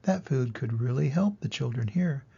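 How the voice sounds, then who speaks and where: Older male storyteller, grandpa voice: gravelly, warm dark tone, expressive children's book reading. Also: medium pitch, normal speed, muffled recording. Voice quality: gravelly, husky. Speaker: storybook reader. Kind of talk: children's storybook narration, read aloud.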